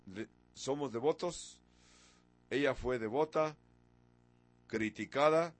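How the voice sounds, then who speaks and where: A man in his sixties delivers a sermon in a mid-pitched voice. He strings together rhetorical questions and leans hard on key words, sometimes slowing to a deliberate crawl. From from abroad, a country once ruled by an emperor. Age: 60s. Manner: rhetorical questions, emphatic with sudden rises. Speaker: preacher.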